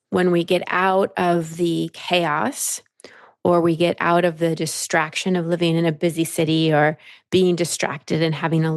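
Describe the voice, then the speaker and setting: Female coach, low-pitched with a gravelly edge, patient and steady. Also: no room sound, clean studio sound. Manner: calm, explains patiently with repeated phrases. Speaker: life coach. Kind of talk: coaching session.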